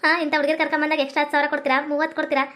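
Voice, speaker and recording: A woman's voice: high-pitched, little pitch movement, racing, pushed and bright. A woman playing a greedy female broker with a North Karnataka accent, insistently bargaining for money. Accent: North Karnataka Kannada.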